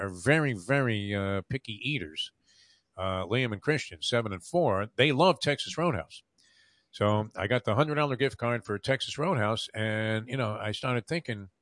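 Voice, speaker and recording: A man's voice: lowish voice, a bit bright, no room sound. An older man hosting a radio show, chatting casually and telling long stories full of fillers and restarts. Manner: rambling storyteller, many fillers and restarts.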